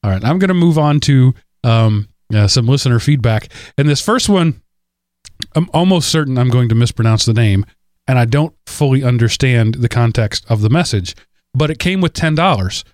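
A man hosting a podcast, chatting casually and rambling with fillers and quick laughs. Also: medium pitch, expressive, a little mellow, dry recording, clean studio sound. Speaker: podcast host. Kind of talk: casual chat.

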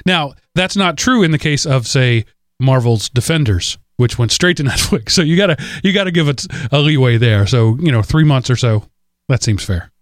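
A man hosting a casual podcast, talking in a rambling, chatty way full of fillers and little laughs. His voice sits at a middling pitch and is recorded close and dry, with no room sound. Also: lively intonation, normal speed, dry recording. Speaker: podcast host. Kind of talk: casual chat.

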